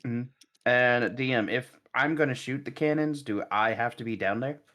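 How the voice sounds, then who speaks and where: A man's voice: mid-range voice, normal speed, fairly bright tone. A man chatting casually as a player at a tabletop role-playing game.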